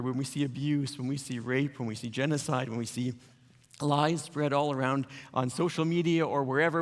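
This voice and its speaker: A male pastor delivers an earnest, heartfelt sermon. His voice sits a little high, and he sometimes pauses as he chokes up. The sound carries a long reverb from the church sanctuary. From Canada.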